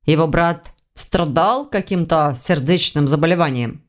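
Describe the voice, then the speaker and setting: A calm, thoughtful male investigator who speaks slowly and evenly in an audiobook scene, as a woman reads him. The voice is pushed lower and held back, measured and unhurried. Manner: slow, lowered, measured delivery.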